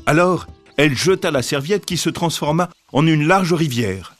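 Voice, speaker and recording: A man reading a fairy tale aloud with expressive storytelling. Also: a little high, moderate pace, no room sound, faint music behind.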